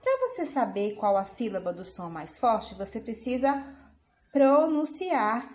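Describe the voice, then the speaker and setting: A female teacher gives a recorded remote school lesson, stretching her syllables slowly, repeating words aloud, and checking in with the pupil through questions and "certo?". Her voice sits a little high and is slightly mellow, with a lively intonation. The room has a roomy echo, with faint music behind her.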